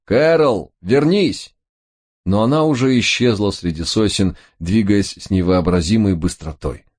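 A man narrating a noir crime novel in a measured, storytelling manner. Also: deep voice, lively intonation, darkish tone. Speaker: audiobook narrator. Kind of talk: scripted narration.

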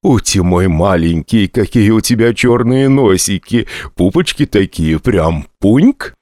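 A man's voice: lowish voice, expressive, a little slow, warm tone, no echo, clean studio sound. A man doing a cooing, lisping incubus. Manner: lisping, cooing baby talk. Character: doting male incubus cooing baby talk. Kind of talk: audiobook character voice.

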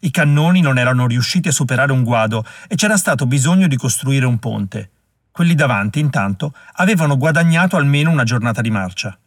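A man narrating an audiobook in a measured way, slowing down at dramatic moments. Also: medium pitch, lively intonation, no room sound, clean studio sound. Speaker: audiobook reader.

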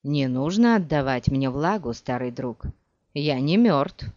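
A reader voicing a blind young male emperor who speaks calmly and with command, in a dull, dry audiobook recording. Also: mid-range voice, measured pace, dry recording, close to an everyday voice. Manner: steady, commanding, prophetic. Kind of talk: audiobook character reading.

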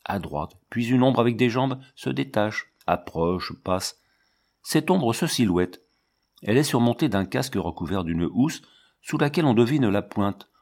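A man reading a novel aloud in measured, steady audiobook narration. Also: mid-range voice. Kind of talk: scripted literary narration.

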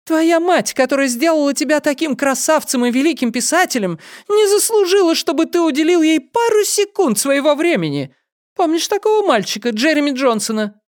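A man's voice: lively intonation, a little fast, dry recording, studio quality. A man reading an audiobook and voicing an older mother who complains, guilt-trips and dramatizes everything. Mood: reproachful. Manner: shrill, complaining, melodramatic. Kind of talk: audiobook character voice.

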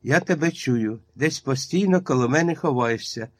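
A man's voice: medium pitch, animated, normal speed, lightly acted. A man reading a story aloud and voicing a stern old village witch woman with a harsh, iron-hard manner. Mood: sharp.

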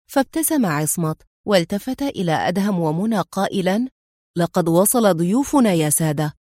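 Narrator: woman, middle pitch, even storytelling read, dry close mic. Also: no echo. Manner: steady, measured storytelling. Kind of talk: audiobook novel reading.

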